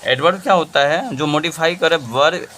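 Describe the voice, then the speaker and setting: A man's voice: fairly high pitch, normal speed, sharp tone, slight background noise. A man teaching English grammar in a lesson, explaining in Hindi and reading English examples in an Indian accent, often asking and answering his own questions. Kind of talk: classroom-style lesson.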